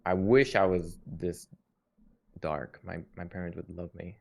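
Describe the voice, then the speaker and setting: A man with a deep morning voice, joking crudely in casual chat on a video call. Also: fairly even intonation, measured pace, vocal fry, a little hiss or hum. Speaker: podcast guest.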